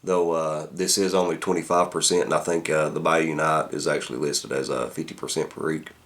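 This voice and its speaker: Very deep-voiced man, halting and casual. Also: level tone, a bit bright. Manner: halting, thinking aloud. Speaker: pipe tobacco reviewer. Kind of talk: casual product review.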